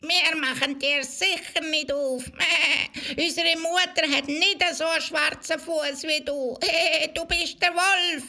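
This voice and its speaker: A woman's voice: sits high, fairly even intonation, slow, few pauses, bright, forceful tone, heavily acted. A woman with a Swiss German accent voicing a chorus of little goat kids, giggling between lines. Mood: defiant. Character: seven little goat kids, bold and squeaky.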